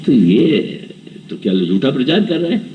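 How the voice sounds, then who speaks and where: A man's voice: medium pitch, sing-song, a little slow, distant mic, muffled recording, slight background noise. A man in his seventies giving a devotional scripture discourse, telling the story and acting out characters' dialogue. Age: 70s. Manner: storytelling, voices characters' dialogue and chants verses. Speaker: preacher.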